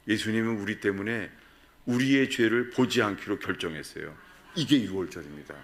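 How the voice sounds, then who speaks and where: A man preaching a sermon at a prayer retreat, asking the congregation questions and acting out quoted voices. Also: fairly low pitch. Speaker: pastor.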